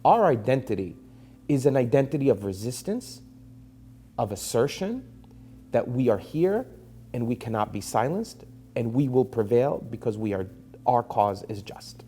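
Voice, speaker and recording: Attorney in his fifties raised in Palestine, earnest and emphatic storyteller, relaxed warm voice. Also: medium pitch, slight background noise. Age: 50s. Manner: earnest, emphatic, measured with frequent fillers. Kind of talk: personal storytelling to camera.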